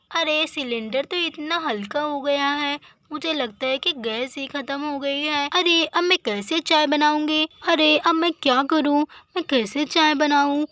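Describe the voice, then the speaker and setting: A woman telling a village doll story in Hindi, chattering to herself in a lively, homely way. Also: high-pitched, dry recording. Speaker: storyteller voicing all the dolls. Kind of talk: Hindi doll story narration with character voices.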